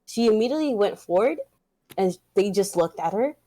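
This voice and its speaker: A woman co-hosting a casual podcast. Her voice is lively and swings widely as she acts out quotes and laughs, swearing freely. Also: mid-range voice, brisk. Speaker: podcast co-host. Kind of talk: casual chat. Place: home setup on a live stream.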